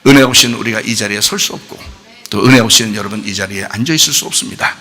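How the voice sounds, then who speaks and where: A man preaching a sermon as pastor, who questions his congregation and acts out quoted voices, swinging from soft to loud. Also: lowish voice, rapid-fire, husky, big-room sound. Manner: animated, asks the congregation questions. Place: church sanctuary.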